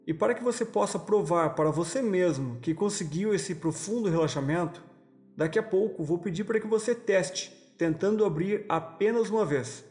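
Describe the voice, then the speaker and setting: A Brazilian man narrating a guided hypnosis relaxation like a sleep story, giving soothing, slow instructions with pauses. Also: high voice, darkish tone. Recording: voice over background music. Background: music.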